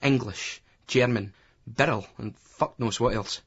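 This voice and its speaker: A man's voice: mid-range voice, measured pace, slightly rough. A Scottish man narrating a novel in the first person, in a blunt, crude, conversational way. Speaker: audiobook narrator. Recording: dull lo-fi remastered recording.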